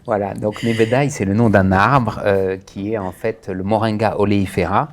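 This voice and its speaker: Answering an interviewer with earnest, often halting replies full of restarts, this man directs a Senegalese association; he was born in France and grew up in Senegal. He speaks at a normal speed in a lowish voice with fairly even intonation.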